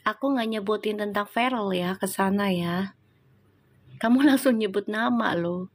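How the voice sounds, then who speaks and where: A woman's voice: mid-range voice, a little slow. A woman, hosting a casual live stream, reading viewer comments and scolding them with rhetorical questions.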